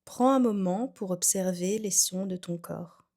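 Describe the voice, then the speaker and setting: This is a soothing guided meditation from a woman teaching yoga nidra, her voice sitting in the middle range. She takes her time, and her calm directions drift off softly as each phrase ends.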